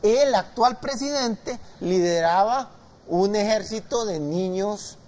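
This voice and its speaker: A man's voice: high voice, takes it slowly, a little mellow. Hesitant man talking on a studio show. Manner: hesitant, many fillers and restarts. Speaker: guest analyst. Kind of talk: casual TV talk show discussion.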